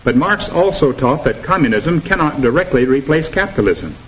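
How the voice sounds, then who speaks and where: Over the noisy soundtrack of an old 1950s educational propaganda film, an American-accented actor plays an earnest anti-communist instructor lecturing students. His rather high male voice sounds natural and expressive, and he presents the lesson in a stern, measured, didactic way.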